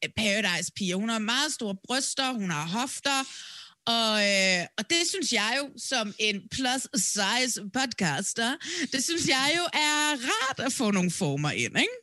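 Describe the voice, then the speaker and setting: A woman hosting a podcast in a chatty, easygoing way, quick to laugh. Her voice is high and bright with a lively, swooping melody, recorded dry and close. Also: no room sound. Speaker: podcast host. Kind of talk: casual podcast chat.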